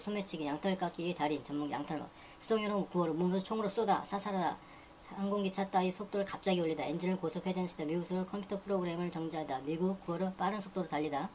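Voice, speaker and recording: Brisk vocabulary teacher, woman with a deep speaking voice, repeats each word, faint noise underneath. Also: darkish tone. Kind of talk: reading dictionary entries aloud.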